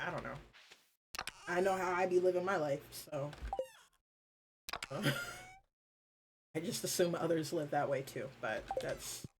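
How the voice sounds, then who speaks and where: A woman's voice: sits low, background noise. A woman streamer chatting casually and rambling with her viewers, informal, with lots of fillers and the odd swear.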